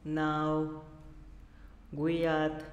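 Slow-talking man, echoey room. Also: a little high, monotone, highs cut off. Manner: slow, halting step-by-step narration in simple phrases. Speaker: programming tutor. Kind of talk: screen-recorded coding tutorial. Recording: roomy echo with long reverb.

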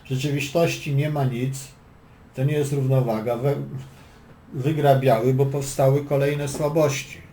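A chess instructor with a warm, mid-range voice teaches at a measured pace and a fairly even intonation. He calls out moves and explains plans, slipping dry jokes in between. The room is echoey, with faint noise in the background.

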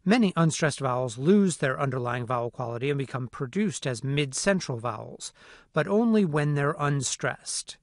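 A man narrating a phonetics lesson in a clear, methodical way. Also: on the high side, no echo, clean studio sound. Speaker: phonetics instructor. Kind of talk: scripted lecture narration.

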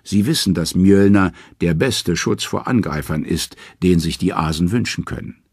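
A male audiobook narrator tells myths in a lively, expressive way. His voice is very low and gravelly with a husky edge, and the sound is dry and close. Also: moderate pace, dry recording. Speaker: audiobook reader. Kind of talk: scripted storytelling narration.

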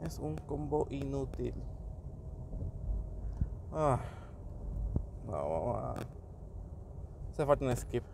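Slow-talking bilingual man reacting to game pulls. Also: medium pitch, big pitch swings, vocal fry, background noise. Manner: mixes Spanish and English, reacts to each pull. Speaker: gaming YouTuber. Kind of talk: casual gacha summon commentary.

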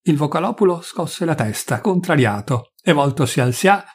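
Male audiobook narrator, husky, slightly high voice, measured storytelling. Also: animated. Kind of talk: literary audiobook reading.

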